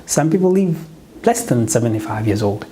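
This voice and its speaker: A middle-aged Ugandan man, not a native English speaker, gives an earnest motivational pitch as a business coach, often restarting and correcting himself. He speaks briskly and warmly with big pitch swings, over slight background noise.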